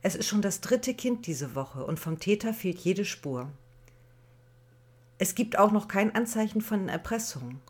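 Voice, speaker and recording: A woman's voice: mid-range voice, lively intonation, measured pace, a little mellow, slightly rough, voice pushed up. A woman voicing an anxious, caring mother who lectures her daughter, in a storybook reading. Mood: worried. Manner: anxious, admonishing. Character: worried, caring middle-aged mother.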